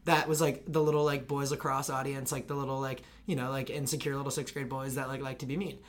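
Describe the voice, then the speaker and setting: Deep and raspy, with a flat delivery, this young college lacrosse player who makes videos chats quickly on a podcast, rambling and filling every gap with fillers.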